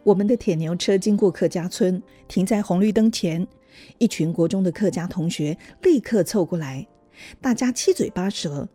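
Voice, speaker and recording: Husky-voiced woman storyteller. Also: fairly low pitch, normal speed, faint music behind. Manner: gentle, even storytelling. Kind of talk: scripted storybook narration.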